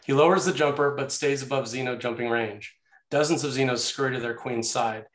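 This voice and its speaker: A medium-pitched man narrates a screenplay, reading the action lines and scene headings at a fairly quick pace. The recording has the echo of a reverberant room.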